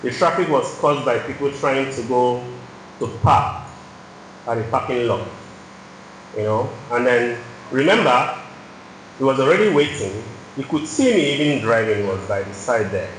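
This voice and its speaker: A man's voice: medium pitch, lively intonation, normal speed, pauses often, slight background noise. A man with a Nigerian accent preaching a sermon in a church hall, telling a personal story and often adding "you know".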